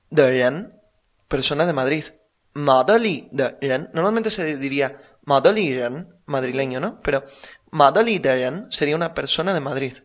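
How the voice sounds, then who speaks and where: Man, language teacher, patient, slow drills, slightly high voice, dull lo-fi sound. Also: a bit bright. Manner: patient, drills pronunciation slowly. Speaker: Chinese teacher. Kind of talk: language lesson.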